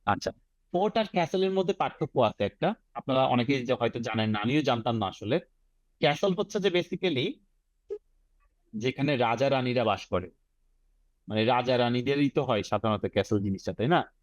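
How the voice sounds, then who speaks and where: A man's voice: mid-range voice, lively intonation, moderate pace, no echo, highs cut off. Bangladeshi man drilling English pronunciation. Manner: drills words syllable by syllable, mixing English phrases into his explanations. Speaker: IELTS teacher. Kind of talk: online class teaching pronunciation. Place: online video class.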